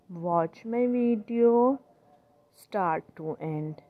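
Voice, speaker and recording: A woman hosting a channel voice-over, addressing viewers in halting, repetitive short phrases. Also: mid-range voice. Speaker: channel host. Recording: tinny, phone-like narrow band.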